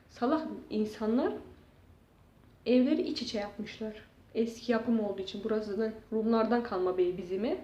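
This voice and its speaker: Showing off the damage to her room, this woman swears and sounds exasperated as she vents in a casual YouTube vlog. Her pitch is fairly high and her tone warm, and the room makes the recording dull and echoey.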